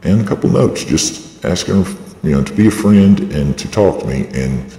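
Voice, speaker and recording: A man vlogging an aggrieved, insistent, rambling personal statement sounds gravelly and mellow, since a voice changer lowers his voice. His intonation is lively at a normal speed, and the processed audio echoes with a long reverb.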